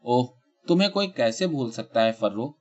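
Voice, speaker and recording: A man voicing a worried, comforting husband in a spoken short story, soft and husky, on a dull lo-fi recording. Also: medium pitch, lively intonation, lightly acted. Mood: tender. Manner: soft, husky, gently reassuring.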